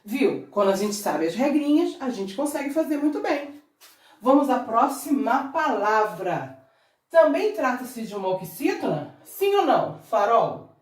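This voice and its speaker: A woman's voice: a little high, very animated, unhurried. A Brazilian woman teaching a recorded grammar lesson to children, coaxing and drawing out words syllable by syllable. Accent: Brazilian Portuguese. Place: classroom at a board. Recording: roomy sound, from a distance.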